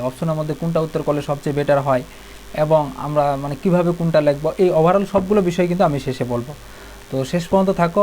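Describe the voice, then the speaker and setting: A man's voice: a little high, darkish tone, a little hiss or hum. A young man teaching an exam-prep video lesson, explaining step by step, repeating himself and talking to students informally. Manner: addresses students informally, colloquial.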